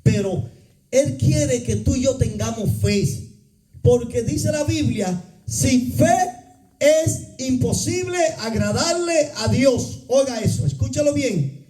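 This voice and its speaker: Male preacher, high-set voice with big pitch swings, roomy church sound, faint music underneath. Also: expressive, slow, warm tone, recorded from a distance. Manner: sweeping pitch swings, dramatic quoted cries. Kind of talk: sermon. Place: church sanctuary.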